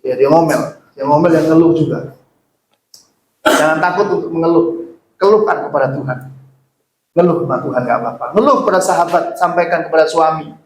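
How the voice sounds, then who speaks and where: A man's voice: a little high, fairly quick, pauses often. Guy pastor preaching, teasing the crowd with questions, roomy hall sound, faint hum behind. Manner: joking, asks the congregation questions. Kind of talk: sermon. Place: church hall. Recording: echoey church hall.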